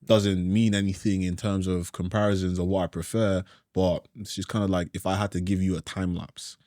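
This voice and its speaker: A young man from Nigeria hosts a casual podcast chat with a very low voice. He talks loosely, full of "bro" and "like". The sound is close and dry, with no room around it. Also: moderate pace, dry recording. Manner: relaxed, slangy, says "bro" and "like" a lot. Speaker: podcast host.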